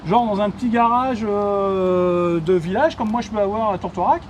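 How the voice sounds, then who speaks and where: Man, high-pitched, chatty, lots of fillers, casual explaining, outdoors by a car. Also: moderate pace, a little hiss or hum. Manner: chatty, many fillers, asks viewers questions. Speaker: channel host explaining electric cars.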